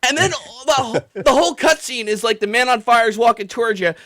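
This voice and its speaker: Exasperated and animated, a man hosting a livestream goes on a casual, profane, rambling rant about a game, quoting others in a mocking imitation. He's a podcast and livestream host who takes callers. His voice is very high-pitched and a little fast, captured in studio quality with no room sound.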